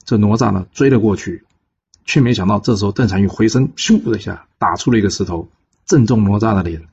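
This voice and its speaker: A man with a Taiwanese Mandarin accent telling a classic tale in a casual, relaxed way, pausing often on filler particles. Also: fairly low pitch, gravelly, husky. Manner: relaxed, frequent drawn-out pause particles. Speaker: storyteller. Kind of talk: casual storytelling narration. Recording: dull lo-fi podcast recording.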